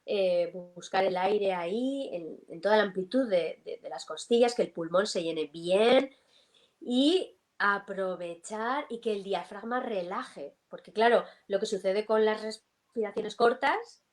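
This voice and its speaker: A woman vocal coach, explaining breathing and voice in a live video interview, animated and illustrating with sung snippets. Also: mid-range voice, a little slow.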